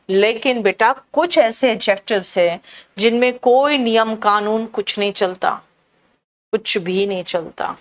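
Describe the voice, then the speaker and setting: A woman teaching an online grammar lesson, patiently drawing out her examples and calling her students "beta". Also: on the high side. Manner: patient, drawn-out explaining, calls students "beta".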